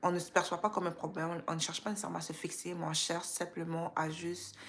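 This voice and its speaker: A live stream host from Quebec, Canada, chats casually and motivationally in a Quebec French accent tinged with Creole and English, slipping in English slang. Her fairly low, fairly bright voice is monotone and quick, with a little hiss or hum.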